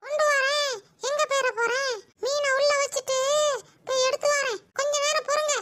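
A woman with a very high-pitched voice, speaking flatly at a moderate pace over slight background noise, plays a boastful, gossipy village woman with a Tirunelveli Tamil accent. The character is in a scolding, gossiping mood, sharp-tongued and given to dramatic wailing.

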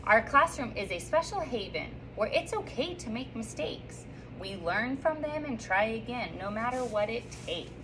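A cheerful sing-song welcome and a picture book read-aloud come from a third grade teacher, a woman in her thirties, seated in her classroom reading corner. Her voice is on the high side at a moderate pace with few pauses, upbeat and full of lively rises and slips. Background noise is audible, and a phone or camera on a stand a few feet away does the recording.

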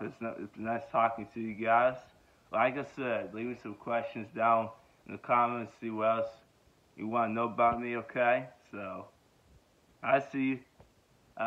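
A man in his twenties from Georgia, talking casually about himself in a rambling way full of fillers, filmed on a phone held close in his bedroom. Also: mid-range voice. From Georgia, USA. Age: 20s. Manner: rambling, many fillers and repeated yeahs. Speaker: vlogger. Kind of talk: casual self-introduction vlog. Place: small bedroom indoors. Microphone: phone held close at arm's length. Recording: tinny phone-like sound.

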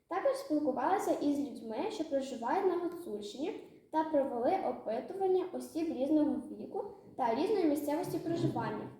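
Brief: female student presenter, high mellow voice, careful prepared read, heavy room echo. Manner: measured, careful reading with listed examples. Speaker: student presenter of a research project. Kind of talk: reading a prepared research report. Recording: very echoey room.

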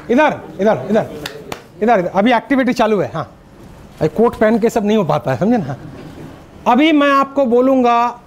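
A middle-aged Indian man with an Indian accent, giving a lively public speaking workshop to a live audience, mixing Hindi and English and joking with the crowd. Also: very high voice. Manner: energetic, directs the audience, jokes. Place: seminar room with live audience.

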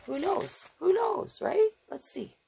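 Reading a children's book aloud at storytime, a woman with a very high voice and vocal fry speaks slowly and expressively. She adds affectionate, conversational asides and repeats phrases, with slight noise in the background.

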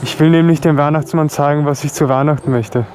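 A man's voice: on the high side, fairly even intonation, fairly quick, darkish tone. A young man, chatting casually and cheekily on a motorbike vlog. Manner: slangy, laughing, cheeky pickup lines. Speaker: motovlogger. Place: outdoors on a city street, on a motorbike. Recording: noisy street and engine sound.

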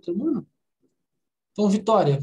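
A woman's voice: mid-range voice, very animated, fairly quick, dark tone. A woman with a Brazilian Portuguese accent, teaching an online English conversation class, switching between English and Portuguese and correcting pronunciation.

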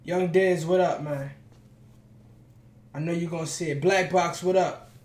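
A man's voice: on the high side, fairly even intonation, a little slow. Hyped man reacting in an echoey room. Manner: hyped, full of shout-outs; talks standing up. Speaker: reaction video host. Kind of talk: casual reaction commentary. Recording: echoey room with music playing.

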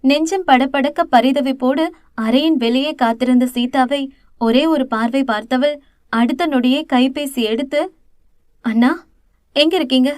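A woman narrates an audio novel in a steady, expressive reading. Her voice sits high. The recording is dry and close, with no room sound. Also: unhurried, smooth, no echo. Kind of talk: scripted narration.

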